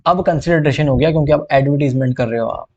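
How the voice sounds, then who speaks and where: A man's voice: on the high side, fast, a little mellow, lo-fi sound. A young man teaching a recorded exam-prep lecture in a chatty, joking way, often checking with his students and dropping English terms with an Indian accent.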